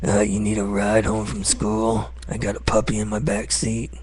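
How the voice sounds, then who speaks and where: A man putting on the voice of a creepy dirty old man with a low, sleazy drawl. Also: completely flat delivery, moderate pace, a little mellow, natural voice. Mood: leering.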